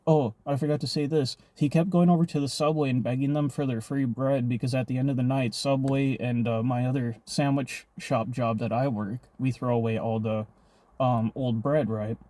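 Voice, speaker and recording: A man's voice: medium pitch, steady tone, normal speed, dark tone. A man telling a personal story in a rambling, profane, casual vlog monologue.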